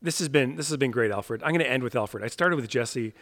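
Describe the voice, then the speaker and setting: A man interviewing a guest in a casual chat, affirming and warm, growing lively when he recalls events. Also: mid-range voice, fairly quick. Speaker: interviewer, pastor.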